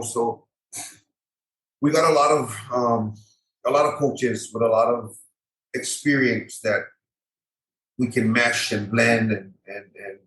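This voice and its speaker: A man with a local Hawaiian accent chatting casually as an interview guest, repeating phrases and using colloquial grammar. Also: medium pitch. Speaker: MMA fighter and gym owner, podcast guest. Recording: echoey roomy sound.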